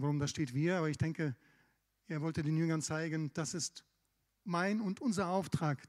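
A man's voice: fairly high pitch, darkish tone. A man preaching a sermon, retelling scripture in a conversational way with casual asides. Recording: long hall reverb.

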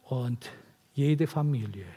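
A man's voice: medium pitch, slow pace, mellow, slightly rough. A man preaching an earnest, pleading sermon to mothers in a church, his delivery swelling and dropping. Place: church hall. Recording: long hall reverb.

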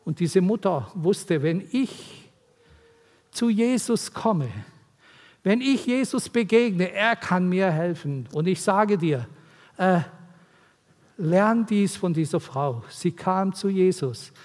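A man with a high-pitched, darkish voice delivers a slow, animated sermon to mothers in a church hall. He pleads earnestly, his delivery rising and falling, and the hall adds long reverb.

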